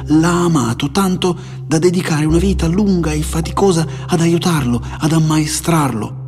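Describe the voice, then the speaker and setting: A man narrator voicing a serene, wise old male sage, speaking slowly and earnestly. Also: lowish voice, a little mellow. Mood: tender, earnest. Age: older. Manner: slow, measured, earnest.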